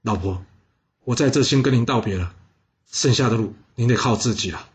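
A man voicing a doomed male court fortune-teller who speaks low, hushed and resigned. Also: fairly quick, lightly acted.

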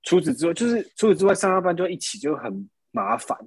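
Fast-talking man, husky. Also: sits high, dry recording. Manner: animated storytelling with frequent laughs. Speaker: podcast co-host. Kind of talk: casual chat.

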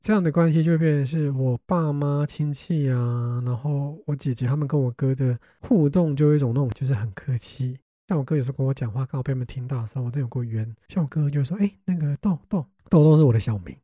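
A young man with a Taiwanese Mandarin accent, hosting a podcast and telling family stories in an animated, exasperated way, swearing casually. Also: mid-range voice, fast, hardly any pauses, no room sound, clean studio sound. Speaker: podcast host. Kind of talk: casual storytelling chat.

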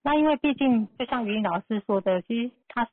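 A woman with a Taiwanese Mandarin accent, a numerology teacher explaining calmly and reassuringly on a live podcast. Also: fairly high pitch, a little fast, slight background noise. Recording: phone-like narrow-band line.

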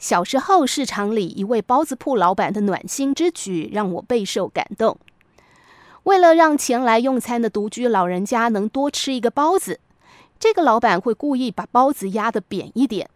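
A woman hosting a podcast, reading a scripted reflective essay in a measured, moralizing storyteller's manner. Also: fairly high pitch, lively intonation, no room sound, clean studio sound. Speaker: podcast host.

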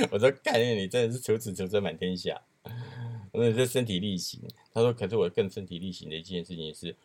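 A man hosting a podcast, telling a crude story in a casual chat and acting out the people in it. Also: sits low. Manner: crude, laughing, acts out quoted voices. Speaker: podcast host.

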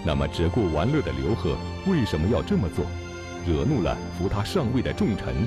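A man with a very deep voice reads a dramatic teaser, swooping widely in pitch. Music plays clearly behind him. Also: wildly swooping pitch, fairly quick. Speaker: announcer.

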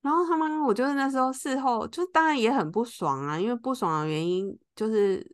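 A woman co-hosting a podcast tells a story in casual chat, animatedly acting out the quoted lines of the people involved. Her voice is a little high and fairly quick.

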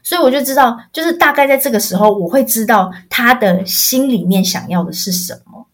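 A woman telling a personal story on a podcast over an online call, halting, repeating words as she searches for them. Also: on the high side, expressive. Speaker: podcast co-host.

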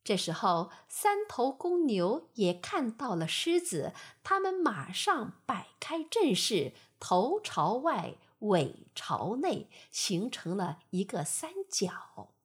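A woman narrating a bedtime fable with a gentle, expressive storytelling manner. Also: fairly high pitch, slow, few pauses, breathy edge.

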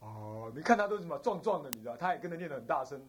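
A man's voice: on the high side, rapid-fire, breathy edge, muffled recording. A middle-aged man, a Buddhist abbot telling a story during a dharma lecture and acting out the people in it. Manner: lively storyteller who acts out the people in his story.

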